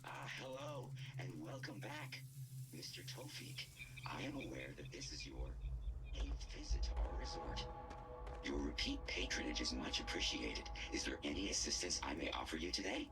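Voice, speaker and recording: Polite, deep-voiced butler robot. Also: male voice, lively intonation, moderate pace. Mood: courteous. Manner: overly apologetic, formal and courteous. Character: polite male robot resort servant. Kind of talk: video game dialogue. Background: music.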